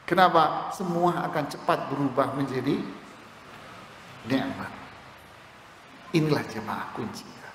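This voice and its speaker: A man preaching to a congregation, telling stories and acting out both sides of short conversations. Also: mid-range voice. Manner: lively storytelling, acts out dialogue, slow and emphatic. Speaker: Islamic preacher. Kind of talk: sermon. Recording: echoey hall with faint noise.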